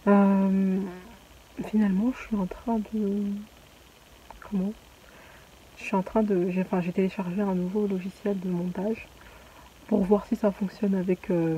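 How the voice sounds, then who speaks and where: A woman's voice: mid-range voice, dark tone, lo-fi sound, slight background noise. A young woman vlogging casually, rambling with many fillers and restarts. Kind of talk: casual chatty vlog.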